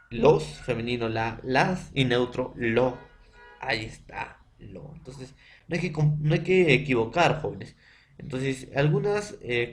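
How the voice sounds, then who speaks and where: A male teacher with a Peruvian Spanish accent, explaining grammar step by step and asking and answering his own questions, sometimes dropping to a soft whisper. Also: medium pitch. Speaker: school teacher. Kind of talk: grammar lesson.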